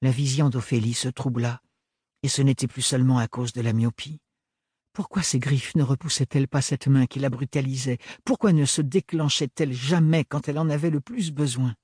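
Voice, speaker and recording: A man narrating a novel as an audiobook in a steady, measured way. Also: mid-range voice, breathy edge, no room sound, clean studio sound.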